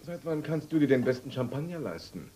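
A man's voice: mid-range voice, sing-song, brisk, dark tone, slight background noise, lightly acted. An actor dubbing a dry, suspicious man who probes a scheming woman in a soap opera. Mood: probing. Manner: dry, probing. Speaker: brother. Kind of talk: German-dubbed soap opera acting.

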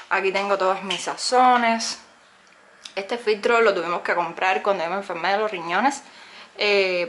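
A woman's voice: mid-range voice, a bit bright. Brief: young Cuban-accented woman vlogger, chatty phone-filmed house tour, faint hiss. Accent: Cuban Spanish. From Cuba. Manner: chatty, many "eh" fillers, addresses viewers directly. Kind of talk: casual house-tour narration. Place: small home, indoors. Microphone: handheld phone camera, speaking from behind it.

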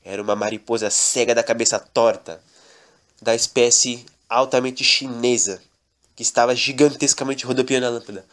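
A man's voice: medium pitch, fairly even intonation, moderate pace, fairly bright tone. Man narrating an absurd parody tale. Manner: mock-dramatic, repetitive storytelling. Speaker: comic storyteller.

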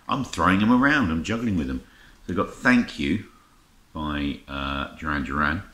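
A middle-aged male vlogger shows off a music haul, chatting casually and unscripted to camera, muttering asides and exclaiming as he browses in an indoor room lined with record shelves. His voice is a rumbling low with a fairly bright tone. The recording has roomy echo, faint noise, and clicking handling sounds.

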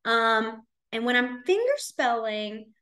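Female teacher, young adult, slightly high voice, informal, halting delivery as she signs while talking, video-call audio. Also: expressive, sharp tone. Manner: signing while speaking, halting phrasing. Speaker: sign language teacher. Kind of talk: informal lesson. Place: small room at home, video call. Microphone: computer video-call mic.

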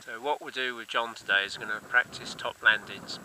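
An English paragliding instructor coaches a student over the radio, calling out instructions and commentating both from a hilltop and in flight outdoors. His medium-pitched voice is steady, pushed and bright at a normal pace, captured in a rough recording with a little hiss or hum.

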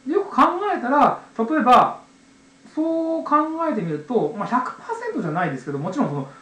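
A man's voice: very high voice, wildly swooping pitch, a bit bright. Japanese guy in his 40s, talks with lots of ums, voice jumps up and down a lot, kinda echoey room. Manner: hesitant, many fillers, sounds out letters slowly. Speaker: channel host, English learner. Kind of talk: casual explanatory monologue.

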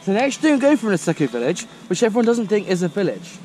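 A man's voice: sits high, sing-song, racing, a little mellow, soft background music, low-quality recording. Joking young man on a ski trip. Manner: jokey, laughing while talking. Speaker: vlogger. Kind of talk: casual vlog chat. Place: ski resort at night, indoors and outdoors.

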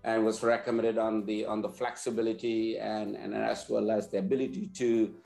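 A man's voice: fairly low pitch, level tone, moderate pace, gravelly, warm tone, roomy sound, soft background music. A man in his forties from Sri Lanka, an earnest business leader interviewed over a video call, often repeating words as he restarts. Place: indoor office, plain wall. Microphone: video call webcam.

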